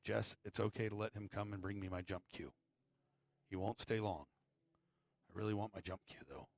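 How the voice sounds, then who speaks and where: A man's voice: lowish voice, steady tone, normal speed, vocal fry, no echo. A man hosting a live pool match stream, chatting casually with viewers between shots with joking asides. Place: pool hall.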